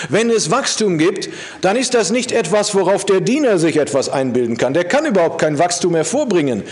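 Man preaching with a fairly high voice. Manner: steady teaching tone, drops low at the end of sentences. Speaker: Bible teacher. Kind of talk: sermon, verse-by-verse Bible exposition.

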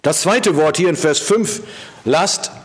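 A man giving a calm, verse-by-verse Bible exposition, with phrases that fall low at their ends. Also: slow. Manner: steady teaching tone, drops low at the end of sentences. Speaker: Bible teacher.

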